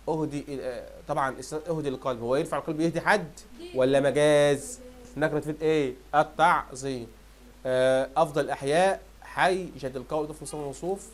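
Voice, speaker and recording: A young man with an Egyptian Arabic accent, teaching a fast exam review and firing questions at students, then answering them himself. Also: a little high.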